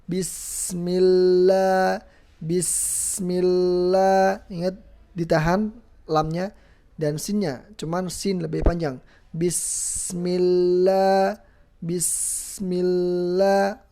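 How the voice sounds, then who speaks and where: A Quran recitation teacher giving a tajwid lesson. The teacher explains the letters patiently, repeats each sound slowly, and chants drawn-out recited examples. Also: mid-range voice, warm tone.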